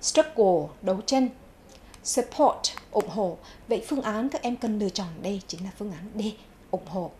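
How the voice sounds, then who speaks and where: A woman's voice: mid-range voice, animated, warm tone, a little hiss or hum. A woman teaching a televised English vocabulary lesson, repeating each English word twice before giving its meaning. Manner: clear, measured classroom delivery. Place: TV studio.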